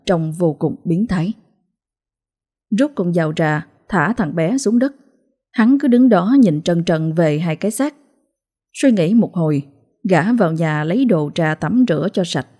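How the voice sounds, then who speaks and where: Woman narrating a ghost story, dark husky tone. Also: lowish voice, expressive, measured pace.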